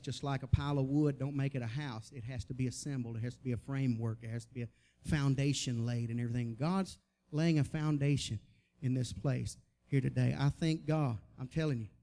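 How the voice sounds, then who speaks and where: In a mid-range, dark-toned voice, a man with a Southern American accent preaches a charismatic sermon to a gathered church congregation. Folksy and colloquial, he exhorts his listeners, asking rhetorical questions and calling on them to respond.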